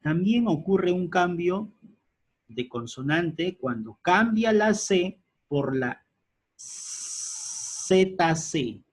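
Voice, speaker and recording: A man teaching a grammar lesson at a board, spelling out letters and repeating key words deliberately. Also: high-pitched, animated, slightly rough.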